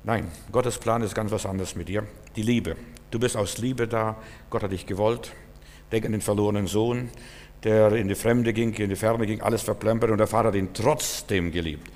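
A man's voice: lowish voice, fairly even intonation, moderate pace, darkish tone. A man preaching a sermon in German, earnest and repetitive, speaking straight to the listener. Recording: long reverb, hall.

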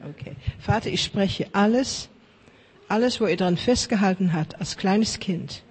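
A preacher leading charismatic prayer ministry, fervently repeating blessings, dropping into whispers at times and mixing in English phrases. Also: male voice, sits high, a little slow, breathy edge. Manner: fervent, repetitive chanting of blessings; mixes English phrases into German.

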